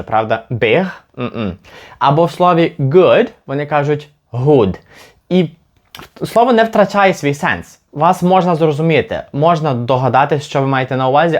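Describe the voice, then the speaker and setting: A man from Ukraine teaching an English lesson, patiently repeating example words slowly to demonstrate them. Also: fairly high pitch. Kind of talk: language lesson.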